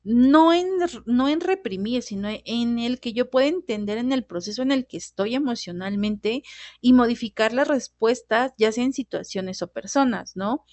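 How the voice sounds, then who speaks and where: A woman teacher explains emotions in a relaxed, conversational way. She keeps checking in with her listeners as she talks. Her voice sits a little high and sounds dry and close. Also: normal speed, dry recording. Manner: conversational, tag questions like "¿no?" and "¿vale?". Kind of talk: lecture on emotions.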